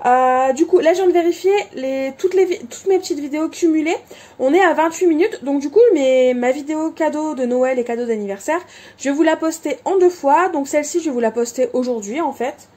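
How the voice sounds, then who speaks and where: A female crafting vlogger speaks fairly quickly in a high, mellow voice as she shows her supplies casually. Her chatty narration includes many fillers and frequent self-corrections.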